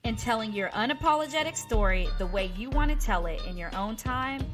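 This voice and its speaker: A woman's voice: a little high, animated, fairly quick, music in the background. A woman hosting a casual podcast interview, upbeat and swearing freely. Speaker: podcast host.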